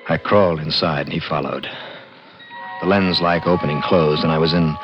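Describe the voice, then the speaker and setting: A man's voice: a bass voice, steady tone, moderate pace. An actor playing an intense, plain-spoken garage mechanic in his thirties, narrating a vintage radio drama in a slangy, urgent, confiding way. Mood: recounting. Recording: muffled old radio recording with music.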